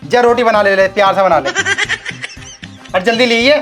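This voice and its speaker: A woman playing a gruff old village farmer father-in-law in a rustic comedy skit, grumbling. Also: mid-range voice, normal speed, over music, lightly acted.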